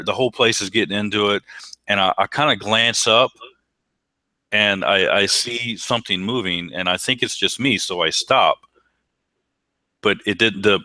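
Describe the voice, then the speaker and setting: Deep-voiced man telling rambling stories. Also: pushed and bright, dry recording. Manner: rambling storyteller, many ums and restarts. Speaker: podcast co-host. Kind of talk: casual chat.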